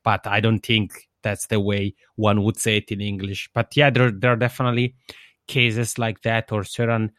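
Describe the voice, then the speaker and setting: As an interview guest, a Swiss man whose native language is Italian answers reflectively, explaining things and often rephrasing or correcting himself. His voice is on the low side, level, and fairly bright at a moderate pace, recorded in studio quality without echo.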